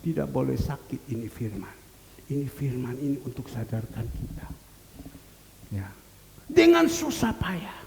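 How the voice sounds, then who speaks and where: Older male pastor, gravelly voice. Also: sing-song, unhurried, long pauses. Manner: swings from loud pleading cries to low murmured asides. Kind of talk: sermon. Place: church hall. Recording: reverberant church hall, faint noise.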